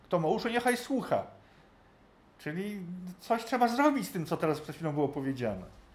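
A man's voice: high voice, big pitch swings, moderate pace. A man teaching a Bible study group in a conversational way, thinking aloud and often checking in with his listeners.

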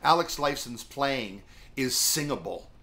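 A man's voice: mid-range voice, lively intonation, a little slow, sharp tone. A middle-aged man teaching guitar soloing in a casual, rambling way, with lots of fillers as he talks. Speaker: music teacher. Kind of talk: casual video guitar lesson.

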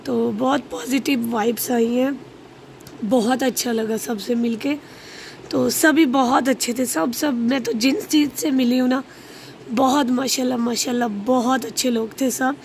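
A young woman from Pakistan with a hoarse voice, talking casually to camera in a family vlog. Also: high-pitched, a little hiss or hum. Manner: chatty, repeats pious phrases. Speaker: vlogger.

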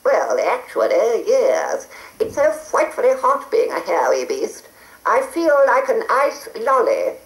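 A woman's voice: on the high side, huge pitch swings, slow, voice pushed up, heavily acted. A woman voicing a fussy male beast who was once a prince, drawling, on an old cassette. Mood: plaintive. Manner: plummy, drawling, says "one". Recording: roomy old cassette recording.

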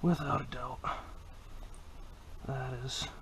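A young man filming himself ice fishing on a body-worn action camera, narrating casually and exclaiming in excitement. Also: medium pitch, slow pace, slight background noise, low-quality recording. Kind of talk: casual first-person narration. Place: outdoors on a frozen lake, then in an ice shelter.

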